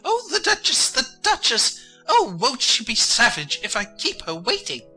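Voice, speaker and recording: A woman voicing a flustered, fretful male rabbit with a husky, squeaky voice, exclaiming anxiously in a dramatized audiobook. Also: wildly swooping pitch, normal speed, pushed and bright, soft background music, exaggerated voice. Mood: panicked. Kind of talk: dramatized audiobook character acting.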